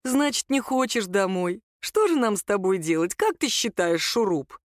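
A woman voicing a lanky, menacing male thug who mocks his victim in a slow, sneering drawl. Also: medium pitch, lively intonation, dry recording, clean studio sound, natural voice.

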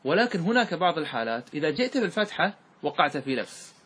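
A man teaching Arabic grammar in a classroom lecture. He keeps asking his students questions, repeats key words and draws out example words slowly. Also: on the high side, big pitch swings, a bit bright, slightly rough.

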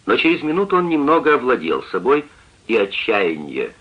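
A man reading a classic novel aloud in a dramatic, expressive manner, in a dull lo-fi radio recording. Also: normal speed. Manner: dramatic, expressive reading with wide swings of pitch. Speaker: audiobook narrator.

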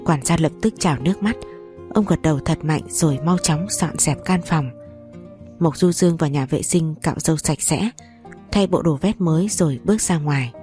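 A woman narrating an audiobook in a steady, even reading voice. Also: sits low, moderate pace, soft background music. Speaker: story narrator.

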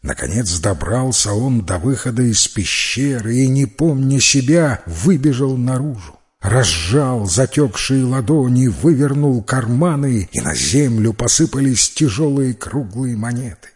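A man narrating a fairy tale as an audiobook, in slow, even storytelling. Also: mid-range voice.

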